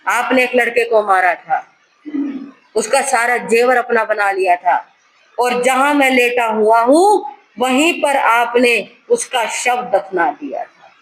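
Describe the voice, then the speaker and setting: A woman voicing a vengeful young man reborn to punish his father, who shouts and accuses him with mocking scorn. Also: a little high, takes it slowly, poor audio. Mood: vengeful, accusing.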